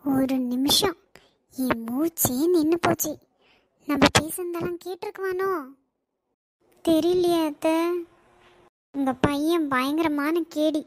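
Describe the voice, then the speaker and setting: A woman's voice: high voice, slow, long pauses. A woman voicing a young woman in a cartoon who worries and plots to marry her cousin, with a Kanyakumari Tamil accent. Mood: worried. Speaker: cartoon character. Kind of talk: animated comedy voice acting.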